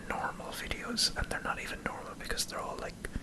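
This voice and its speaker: An Irish man in a hesitant, self-deprecating ASMR ramble, speaking in a breathy whisper close to the microphone. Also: a little fast. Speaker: ASMR video creator. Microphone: close microphone in front of a camera.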